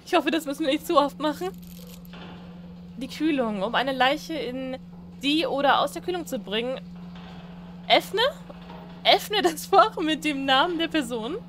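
High-pitched woman gaming, teasing the characters and laughing a lot, reads out the prompts. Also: moderate pace, slight background noise. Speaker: gaming YouTuber. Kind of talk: let's play commentary.

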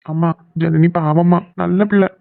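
An actor voicing a young husband and emotional son in an animated family cartoon, who teases and then pleads. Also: medium pitch, moderate pace, creaky, dry recording, lightly acted. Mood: pleading. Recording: dry, phone-like narrow sound.

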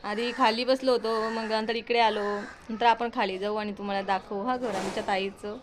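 A young woman with a Marathi accent chats playfully through a family vlog, filmed on a handheld phone indoors. Her voice sits fairly high and she talks freely, breaking into coos for the cats. A faint hiss of room noise sits behind her. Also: fairly even intonation, moderate pace. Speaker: vlogger. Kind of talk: casual family vlog chat.

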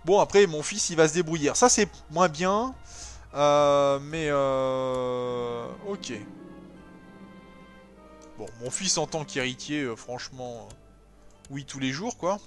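A man giving casual commentary while playing a strategy game, thinking aloud with many hesitations and sudden excited bursts. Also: fairly high pitch, slow pace, pauses often, faint music behind. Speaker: let's play gamer.

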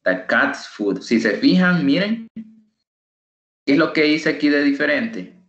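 A man tutoring an online English lesson in Spanish, who patiently repeats each example phrase slowly. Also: on the high side, animated, a bit bright. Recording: echoey room, dull lo-fi sound.

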